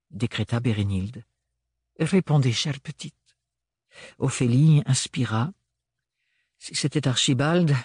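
A man narrating an audiobook with measured storytelling delivery. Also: mid-range voice, darkish tone, no room sound, clean studio sound. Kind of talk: audiobook reading.

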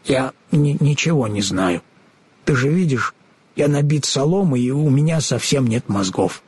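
A man's voice: medium pitch, expressive, normal speed, darkish tone, husky, no echo. A man voicing a stammering straw scarecrow. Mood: sad. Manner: stammering, mixing up words. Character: kind, naive talking scarecrow stuffed with straw. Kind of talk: audiobook character voice.

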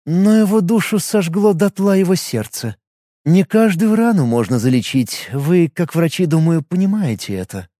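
A brisk, secretive healer woman who gives orders and keeps her own counsel, in an audiobook, voiced by a male narrator. The voice is pushed up high and moves lively and expressively, over a mellow, dark grain. The recording is close and dry. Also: no room sound. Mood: somber.

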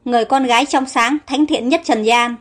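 A man's voice: extremely high pitch, fairly even intonation, a little fast, a bit bright, soft background music. A woman reading the lines of a bitter, resentful outcast prince who feels scarred and unloved, in an audio storybook. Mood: pleading love. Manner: brooding and resentful.

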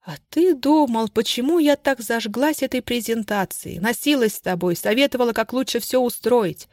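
A scheming society woman cornered and turning vicious, her voice shrill and venomous, as a woman reader puts her on. She swings between hysteria and cold mockery. The reading sounds close and dry. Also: lively intonation, moderate pace, no echo, lightly acted. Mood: mocking.

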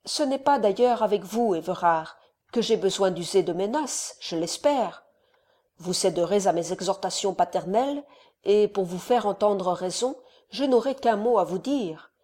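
A woman voicing a scheming older male count who speaks to his son in a measured, solemn, persuasive way. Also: medium pitch, animated, warm tone, lightly acted. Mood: stern.

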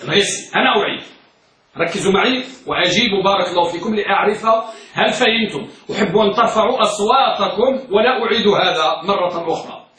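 Guy teaching a class, high bright voice, echoey room, sounds far from the mic. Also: fast talker. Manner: drills students with repeated questions, urges them to speak up. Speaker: teacher of hadith. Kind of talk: classroom lesson with questions to students.

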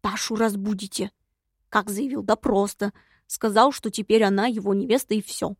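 A woman voicing a shaggy male imp helper in an audiobook, speaking quietly and guilelessly. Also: medium pitch, steady tone, moderate pace, slightly rough, no echo, clean studio sound. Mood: hushed. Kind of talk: audiobook character reading.

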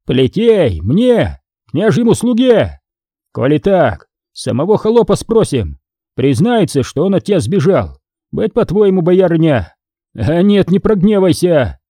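A man's voice: a little high, big pitch swings, a little slow, dark tone, husky, no room sound, clean studio sound, voice pushed up, full character voice. A man doing a stubborn guard sergeant. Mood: indignant. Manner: blunt, evasive then indignant. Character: stubborn male guard sergeant, prince's servant.

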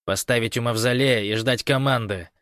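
A man voicing a furious, bossy male ruler who shouts and snarls, in an audiobook. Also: mid-range voice, sing-song, normal speed, dry recording, clean studio sound, pitched above the performer's own voice. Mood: angry. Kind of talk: audiobook character voice.

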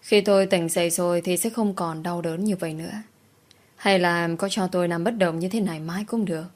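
Mournful woman audiobook narrator, lowish voice. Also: steady tone, fairly quick, darkish tone. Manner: emotional, mournful storytelling. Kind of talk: first-person audiobook narration.

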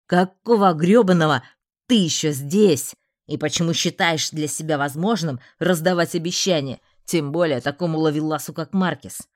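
A woman reading an audiobook voices a stern, sarcastic male magister in a lowered, cutting tone. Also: steady tone, moderate pace, hardly any pauses, no room sound, studio quality, lightly acted. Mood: barking. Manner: cold, cutting, commanding.

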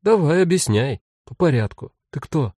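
A man voicing a middle-aged mother who speaks low, firm and steady. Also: moderate pace, breathy edge, dry recording, studio quality.

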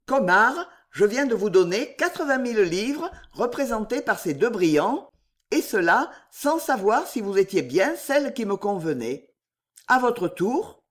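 A reader voicing a scheming, powerful male general in an audiobook, speaking in a measured, commanding way. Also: medium pitch, big pitch swings, pitched above the performer's own voice. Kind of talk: audiobook reading.

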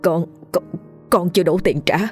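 A woman's voice: fairly low pitch, fairly even intonation, moderate pace, faint music behind, close to an everyday voice. A woman voicing a poor, desperate young husband who stammers and pleads in a hurry. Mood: pleading.

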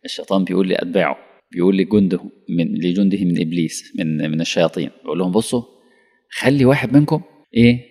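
A man with an Egyptian Arabic accent preaches a colloquial lesson at a quick clip, in a fairly low voice. He pelts listeners with rhetorical questions and acts out little dialogues. A long hall reverb trails after his words. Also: darkish tone.

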